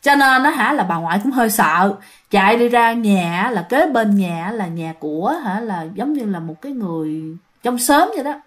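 Animated woman storyteller. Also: medium pitch, normal speed. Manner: animated, addresses listeners directly. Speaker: ghost story narrator.

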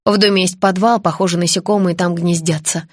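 A pompous middle-aged writer speaks in a lowered, smooth voice, as a woman puts him on. Close, dry storybook reading. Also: steady tone, fairly quick, no echo, natural voice. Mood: self-assured. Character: pompous middle-aged male author, host of the house.

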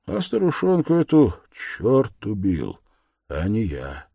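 A man's voice: lowish voice, wildly swooping pitch, takes it slowly, vocal fry, mellow, breathy edge, no room sound, studio quality, voice pushed up, heavily acted. A male audiobook reader voicing a tormented, feverish young man who argues in agitated, bitter outbursts. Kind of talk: audiobook character voice.

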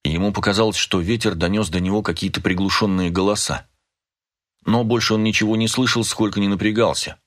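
A man narrating an audiobook in a measured, even scripted reading. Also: fairly low pitch.

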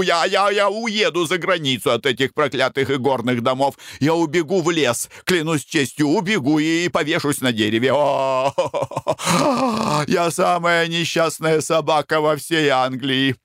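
A man's voice: fairly high pitch, fairly bright tone, no room sound, clean studio sound, voice pushed up, lightly acted. A man voicing a weepy, desperate middle-aged baronet who whimpers and stammers in an audiobook.

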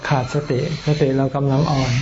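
A man, a Buddhist monk teacher, answering questions in a dharma talk in a calm, patient way, often repeating words. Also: a little fast. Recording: dull audio with audible background noise.

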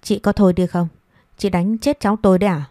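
A woman voicing a sick old grandmother who shouts in protest to defend her grandchild in a storybook reading. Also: mid-range voice, steady tone, quick pace, dry recording, studio quality, natural voice. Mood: indignant. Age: older.

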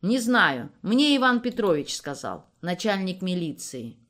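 A woman's voice: lowish voice, sing-song, a little slow, fairly bright tone. A woman reading a guarded young man. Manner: guarded and evasive. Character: reserved young male visitor on business.

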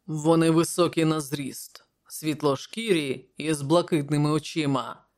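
A narrator reading an audiobook voices a brooding barbarian king from the north in a gruff, grim manner, close to the reader's own voice. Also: medium pitch, steady tone, a little slow, a little mellow, lightly acted. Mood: recounting.

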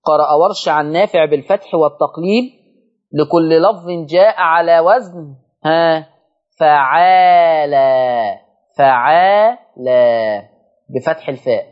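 A man with an Egyptian accent teaching Quran recitation rules on a televised lesson, chanting verses slowly and explaining in quick colloquial asides. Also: fairly high pitch, lo-fi sound. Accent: Egyptian Arabic.

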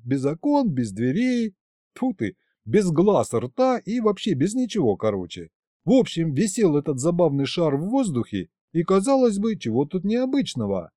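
Animated male audiobook narrator. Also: a little high, no room sound, studio quality. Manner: expressive, animated reading. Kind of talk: scripted narration.

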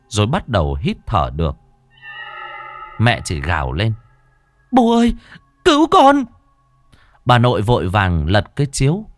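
A male storyteller narrates a ghost story with a very low voice. His pitch swings widely as he builds tension. The sound is dry and close. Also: no echo. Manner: slow, dramatic storytelling.

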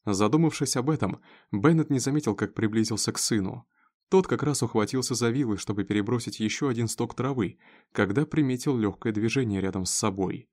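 A man reading a dramatic story aloud in a steady narrating voice. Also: mid-range voice, a little fast. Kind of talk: scripted audiobook narration.

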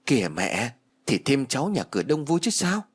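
A man's voice: medium pitch, big pitch swings, moderate pace, slightly rough. A man voicing a nervous young husband who hesitates and stammers in an audiobook.

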